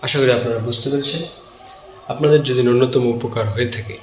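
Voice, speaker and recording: Man, pronunciation teacher, slow and repetitive, syllable by syllable, roomy echo, faint hum. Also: medium pitch, fairly even intonation. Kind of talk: whiteboard pronunciation lesson.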